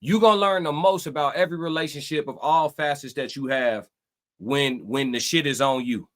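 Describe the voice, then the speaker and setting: Guy running a reaction stream, bright punchy voice, preachy and emphatic. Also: fairly high pitch, normal speed. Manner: preachy, emphatic, talks to chat. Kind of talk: live-stream commentary.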